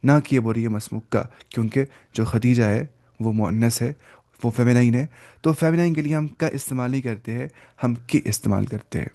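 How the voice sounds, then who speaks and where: A man teaching an online language lecture. He explains patiently step by step, mixes in English terms, and keeps repeating key words and asking the class quick check questions. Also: mid-range voice, dark tone, no room sound, studio quality. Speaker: Arabic teacher.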